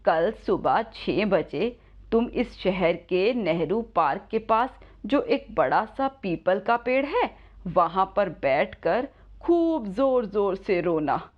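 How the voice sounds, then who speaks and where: A woman voicing an old woman, a goddess in disguise, who gives slow, motherly advice. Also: medium pitch, lively intonation, lo-fi sound. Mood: gentle.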